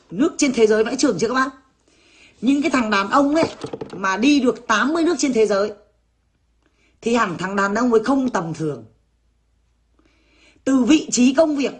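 A brash woman, delivering a blunt, foul-mouthed rant straight to her viewers. Her voice sits a little higher than most women's, and her talk is rough and unfiltered. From Vietnam. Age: 30s. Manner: blunt, brash, swears freely. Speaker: vlogger. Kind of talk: ranting monologue to viewers.

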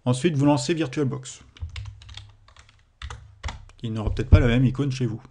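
French man with a dark voice teaching. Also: medium pitch, moderate pace, slight background noise. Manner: explanatory, with hesitations and self-corrections. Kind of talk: screen-recorded tutorial.

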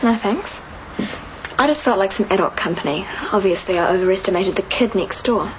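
An actress playing a guarded, prickly young student in a TV soap, with a New Zealand accent. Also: female voice, mid-range voice, a little fast, a little hiss or hum, natural voice, rough recording. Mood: defensive. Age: young adult. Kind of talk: naturalistic TV soap acting. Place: indoors, small flat.

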